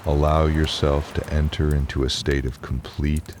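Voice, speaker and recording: This is a soothing bedtime-story and guided-relaxation narration by a man whose voice is very deep, delivered calmly and without hurry. A faint hiss or hum can be heard.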